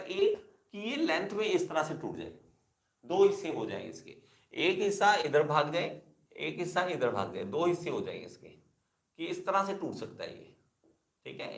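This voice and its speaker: A male engineering teacher gives a classroom lecture in a slightly high, gravelly voice with a fairly bright tone. He keeps repeating key terms and calls his students kids, and the room is echoey.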